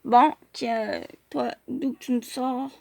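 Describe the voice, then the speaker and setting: Woman vlogging, kinda high voice, super slow and halting, lots of ums, dry room. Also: fairly even intonation, vocal fry, no echo. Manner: hesitant, many filler sounds and restarts. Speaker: YouTuber reviewing fan profiles. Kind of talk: casual vlog commentary.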